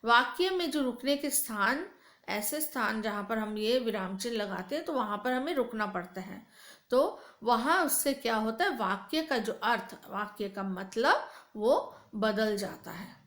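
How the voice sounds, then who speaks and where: A woman's voice: fairly high pitch, expressive, a little slow, a bit bright, roomy sound. A woman teacher explaining a lesson to children in a patient, repetitive way. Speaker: school teacher.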